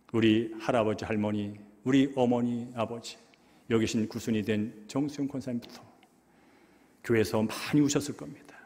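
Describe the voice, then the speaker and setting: Emotive pastor preaching in a church hall. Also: male voice, mid-range voice. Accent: Korean. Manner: emotive, swings from hushed to loud. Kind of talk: sermon. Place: church sanctuary. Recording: long church hall reverb.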